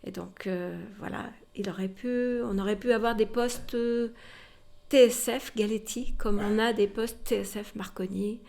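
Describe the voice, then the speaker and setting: With a creaky, darkish, medium-pitched voice, a museum guide speaks steadily at a measured pace. She shares history with a visitor informally, explaining as she goes and addressing listeners directly with rhetorical tags.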